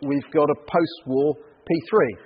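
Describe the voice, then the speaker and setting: A man's voice: on the high side, a little slow, slightly rough. A man giving a casual, admiring showcase of classic cars as an auction specialist, stressing his words emphatically. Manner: admiring, emphatic with repeated intensifiers. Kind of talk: casual car showcase chat. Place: large indoor car warehouse. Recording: muffled, echoing large hall.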